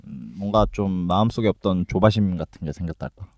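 A man in his thirties co-hosting a casual podcast chat, cracking deadpan dark jokes. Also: low voice, brisk, over loud music. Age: 30s. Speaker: podcast co-host.

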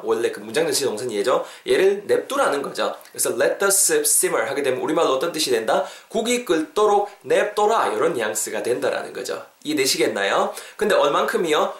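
A man hosting an English lesson podcast in a casual, lively way, repeating phrases slowly for listeners to copy. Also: fairly high pitch. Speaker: English teacher and podcast host. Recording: echoey room.

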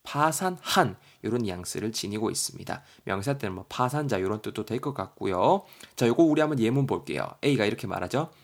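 Husky-voiced male podcast vocabulary teacher. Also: on the low side, brisk, few pauses. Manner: lively, chatty, spells words letter by letter.

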